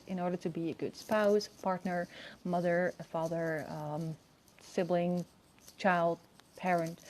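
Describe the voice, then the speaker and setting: A woman in her early thirties speaks outdoors on an open-air balcony. Her voice sits a bit low, with a dark, relaxed, soft tone. She chats to camera informally, wandering and hesitating as she rephrases herself. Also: slight background noise. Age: early 30s. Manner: hesitant, rambling delivery with self-corrections. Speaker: video host. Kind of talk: casual monologue to camera.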